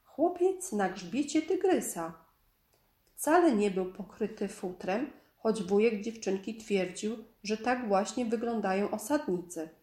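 A woman reading a children's story aloud in a calm, measured storytelling manner. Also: mid-range voice. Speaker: storybook narrator. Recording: echoey room.

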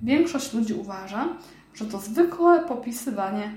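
A tiny, stubborn mouse, put on by a woman reader squeaks her lines high and sharp, with little leaps of pitch. She sounds firm and sure of herself, recorded in an echoey room. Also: expressive, unhurried. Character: small stubborn female singing mouse.

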